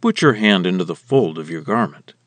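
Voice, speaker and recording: A man voicing a stern, commanding male god in a slow, weighty scripture reading. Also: sits low, animated, no room sound, pitched below the performer's own voice.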